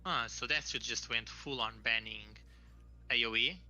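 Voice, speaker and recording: A man commentating a live online game tournament with a very bright, forceful tone. He is playful and laughs easily, teasing his co-host in the downtime between matches. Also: medium pitch, moderate pace, faint music behind, rough recording. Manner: playful, laughs often, jokes about eating. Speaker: esports caster.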